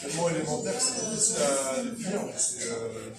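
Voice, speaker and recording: Man, slightly high voice, tentative, off-mic, loud music behind. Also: sing-song, brisk. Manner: tentative, hesitant. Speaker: discussion participant. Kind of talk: café philosophy discussion. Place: busy fast-food restaurant. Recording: distant, roomy, loud music.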